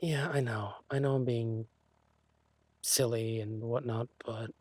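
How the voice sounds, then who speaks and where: A man playing an insecure, lovesick thief boyfriend in a romantic audio role-play, speaking haltingly and tenderly. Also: mid-range voice, fairly even intonation, darkish tone, dry recording, lightly acted. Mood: insecure, downcast. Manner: hesitant, halting, sighing delivery.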